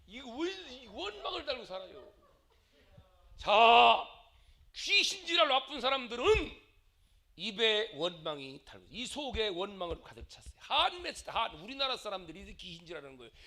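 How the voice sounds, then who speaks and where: Animated high-voiced man preaching. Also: moderate pace. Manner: dramatic, acts out quarrels and switches between loud and quiet. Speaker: pastor. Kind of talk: sermon.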